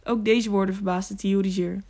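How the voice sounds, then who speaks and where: A woman narrating an audiobook with calm, steady storybook narration. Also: medium pitch, fairly quick.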